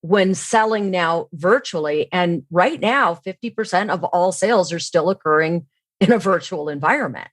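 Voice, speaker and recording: This podcast guest, a woman specializing in sales training, joins by remote online call and explains things instructively, often raising questions and answering them herself. Her voice sits on the low side at a normal pace, and the recording is dry.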